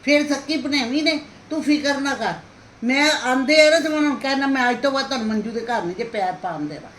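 A woman playing a middle-aged aunt in a homemade family drama, speaking in a quiet, consoling way. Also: sits high, fast talker. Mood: soothing. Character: middle-aged aunt, soothing, indignant at relatives. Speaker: paternal aunt in a family skit. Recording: echoey room, faint hiss.

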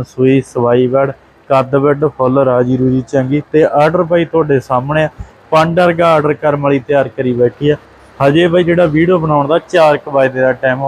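A young man hosting a dairy channel walks through cows for sale in an open cattle shed outdoors, praising them in rhyming, doubled-up lists. His voice is medium-pitched, and the low-quality recording has slight background noise.

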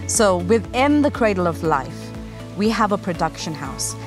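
A woman in her 30s from Kenya, a company co-founder, speaks to camera outdoors in a garden at a moderate pace. Her casual presentation is relaxed and chatty, full of easy laughter, in a voice that sits a little low. Music plays clearly in the background.

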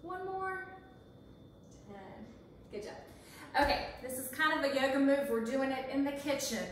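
In a big home kitchen, a woman in her forties works as a fitness instructor, counting reps and cheering on the viewer while she exercises. Her voice is high-pitched and moves at a normal speed, with slight background noise. The camera sits across the room, so she sounds distant and the kitchen echoes.

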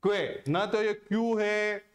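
Slow, high-voiced male English teacher. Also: lively intonation. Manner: slow and deliberate, asking and answering his own questions. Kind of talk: classroom lesson on word stress.

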